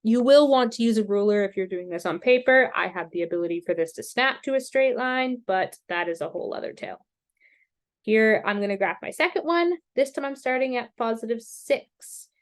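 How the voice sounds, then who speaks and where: A woman teaching a math lesson, talking slowly and patiently through each step, with a somewhat high voice. She pokes fun at her own drawing skills now and then. She has the hiccups. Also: expressive. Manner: slow, patient step-by-step explaining with self-deprecating asides. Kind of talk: recorded screen-share math lesson.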